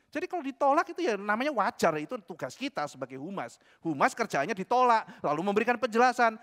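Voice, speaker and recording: Animated male pastor preaching in a hall. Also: very high-pitched. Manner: lively storyteller, addresses the congregation as "saudara". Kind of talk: sermon with personal anecdotes. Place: church sanctuary. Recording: echoey church hall.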